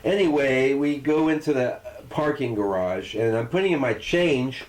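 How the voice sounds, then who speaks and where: A man's voice: mid-range voice, moderate pace, low-quality recording. A man telling stories in a casual podcast chat. He swears freely, rambles, and restarts his sentences. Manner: loose, profane storytelling. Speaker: podcast co-host.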